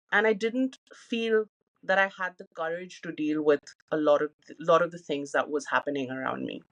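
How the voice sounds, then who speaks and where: Candid woman in her thirties. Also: medium pitch. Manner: candid, open, uses many fillers like "you know". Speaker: podcast co-host. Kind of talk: casual personal podcast talk.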